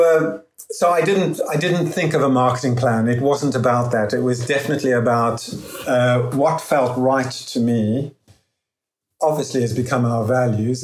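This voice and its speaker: A man with a faint Zimbabwean accent, the founder of a running event, speaks as an interview guest in an earnest, reflective way, with frequent restarts and pauses. His voice is mid-range and darkish, and the recording has a roomy echo.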